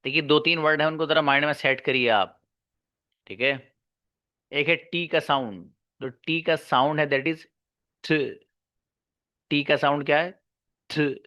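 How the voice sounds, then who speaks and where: A man teaching pronunciation in an online class, drawing out and repeating each sound slowly. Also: a little high, steady tone, dull audio. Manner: slow, drawn-out demonstration of sounds, repeating each. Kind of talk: pronunciation lesson in Hindi and English.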